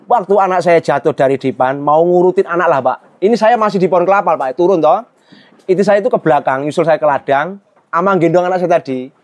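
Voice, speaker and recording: A man's voice: a little high, quick pace. A middle-aged man, earnestly telling his life story in an interview, often adding a polite "Pak". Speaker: goat farmer and trader.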